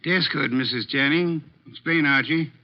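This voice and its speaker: A male actor plays an imperious, pedantic genius detective in a classic radio drama. His voice sits a little high for a man, and he speaks in formal, exact phrases with pompous authority. The vintage recording is muffled. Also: moderate pace, close to an everyday voice. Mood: measured, authoritative. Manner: pompous, formal, precise diction. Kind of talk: 1940s-50s radio mystery acting.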